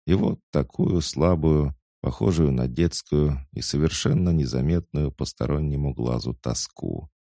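A man narrating an audiobook in the first person, even storytelling. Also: extremely low pitch, creaky, dry recording, studio quality.

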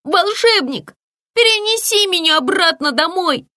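Woman doing a whiny little boy, high. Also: expressive, unhurried, sharp tone, no echo, studio quality, exaggerated voice. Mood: whiny, scared. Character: small boy, whiny and scared.

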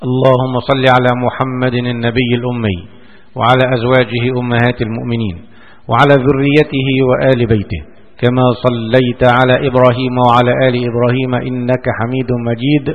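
A man teaches a religious lesson in a measured, patient way, repeating words and reciting. His voice sounds thin and tinny, as if played over a phone line. A long reverb trails behind it, as in a large hall. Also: medium pitch, level tone. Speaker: sheikh giving Quran commentary.

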